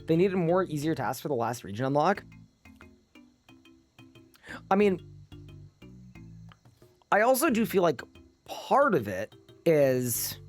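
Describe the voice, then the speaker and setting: Tired, lively-voiced male streamer. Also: on the high side, slow pace, long pauses, faint music behind. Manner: rambling, chatty, reading chat aloud. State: tired, sleep deprived. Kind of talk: casual live-stream gaming chat.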